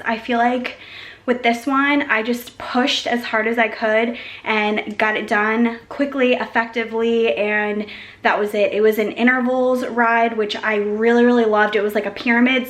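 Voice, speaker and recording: A woman's voice: on the high side, fairly bright tone, reverberant. A woman vlogging to a handheld camera in casual, upbeat chat, full of likes and ums, out of breath after a workout. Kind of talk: casual vlog talk to camera.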